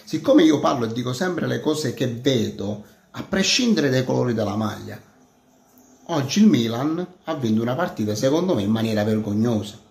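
A man's voice: medium pitch, lively intonation, moderate pace, vocal fry, darkish tone. A man gives an outspoken, indignant post-match football opinion with emphasis. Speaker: football commentator. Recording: echoey room.

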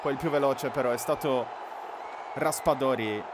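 A man giving live football commentary, excitable and given to bursting into shouts at chances. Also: mid-range voice, normal speed, a loud crowd. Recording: constant stadium-like background noise.

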